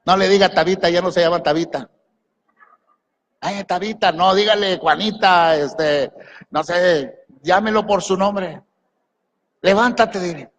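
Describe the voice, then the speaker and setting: A man preaching, his voice sitting high for a man. He drives the sermon with questions and commands to the congregation. The sound carries a long reverb from a large church hall. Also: measured pace. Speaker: pastor.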